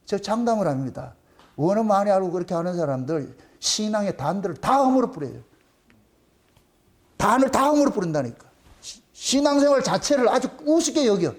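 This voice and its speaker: Brief: middle-aged pastor, high-pitched voice, insistent preaching that hammers points twice. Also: male voice, sing-song. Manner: emphatic, repeating phrases with rising insistence; briefly sings a slow hymn line. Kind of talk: sermon.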